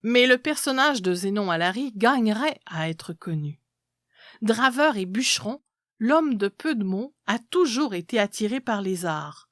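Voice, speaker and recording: A woman's voice: mid-range voice, expressive, unhurried, fairly bright tone, no room sound, clean studio sound. A woman reading a literary story aloud as a scripted narration.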